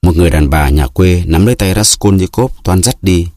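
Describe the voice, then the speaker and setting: A man narrating a literary novel as an audiobook, steady and expressive. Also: deep voice, fairly quick, no room sound, studio quality.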